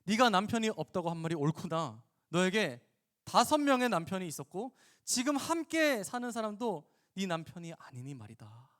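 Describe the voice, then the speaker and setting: A preacher doing a gentle, kindly Jesus. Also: male voice, mid-range voice, expressive, a little fast, hardly any pauses, close to an everyday voice. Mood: firm. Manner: soft, kindly. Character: gentle, kind Jesus speaking to a woman.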